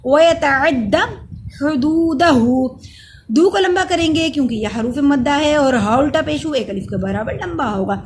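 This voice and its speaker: A woman with a high voice gives a patient recitation lesson. She stretches each verse word out in a slow, loud chant, then drops into a plain explaining tone. A faint hiss runs under the recording. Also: animated. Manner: self-correcting, says sorry. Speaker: Quran recitation teacher. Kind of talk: step-by-step tajweed lesson.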